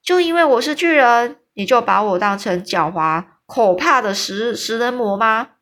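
A woman voicing a huge, boisterous male giant who teases loudly and draws out his exclamations. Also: lively intonation. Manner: booming, boisterous, drawn-out exclamations.

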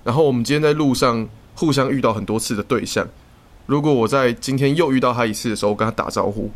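A young man from Taiwan, co-hosting a podcast in casual chat, telling stories quickly with lots of swearing. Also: medium pitch. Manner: rapid, swearing, animated storytelling. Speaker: podcast co-host.

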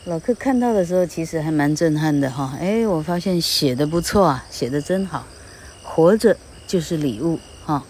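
This older woman has a deep, mellow voice and a Taiwanese Mandarin accent. She teaches English grammar in a chatty, rambling way, often closing phrases with "ha" and spelling words one letter at a time. Faint insect chirping and background noise sit under her voice. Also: animated, a little fast, hardly any pauses. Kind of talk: casual spoken lesson.

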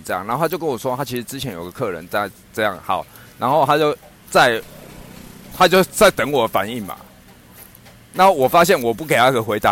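Animated man telling a funny story. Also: medium pitch. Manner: animated, laughs often, acts out quoted speech. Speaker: storyteller in a podcast chat. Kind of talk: casual anecdote telling.

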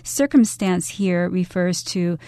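A woman co-hosting an English lesson, explaining in a measured, didactic way and restating phrases. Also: on the low side, warm tone, dry recording. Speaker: English teacher, co-host.

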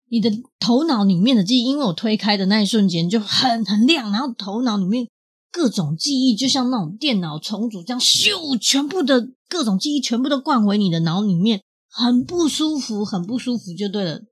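A woman podcast host tells a deeply personal story. Her voice is husky and slightly breathy, sitting in an ordinary middle pitch. She speaks earnestly and expressively, often checking in with the listener.

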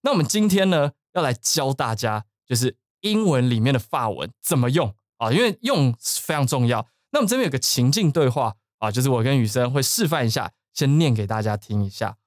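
Man, podcast teacher, patient explanations, spells letter by letter, middle pitch, dry close sound. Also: lively intonation, brisk, hardly any pauses, dry recording. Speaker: English teacher and podcast co-host. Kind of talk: bilingual language lesson chat.

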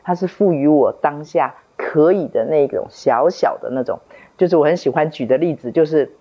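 A woman's voice: sits low, normal speed, warm tone, slightly rough, muffled recording. A woman in her fifties telling a personal story from childhood in an earnest, reflective way, often repeating herself as she remembers. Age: 50s. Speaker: book club member sharing a testimony.

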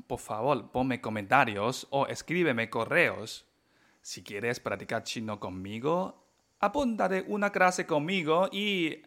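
A man hosting a podcast language lesson, with Mandarin Chinese as his first language. He speaks at a very slow, deliberate pace, in a middle pitch for a man. He models each tone and spells out pinyin one letter at a time. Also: fairly bright tone. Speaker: Chinese teacher and podcast host.

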